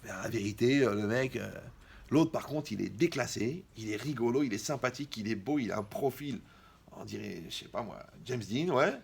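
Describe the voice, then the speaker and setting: A man's voice: mid-range voice, normal speed, creaky, slightly rough. A man performing a stand-up comedy monologue, acting out dialogues with mocking asides.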